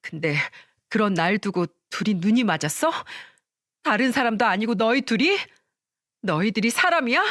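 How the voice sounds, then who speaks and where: Dramatized story: woman as an enraged betrayed wife, bitter and shouting, dry studio sound. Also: animated, moderate pace, no room sound, close to an everyday voice. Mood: furious. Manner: shouting accusations, shrill and bitter. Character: betrayed wife, furious and sobbing.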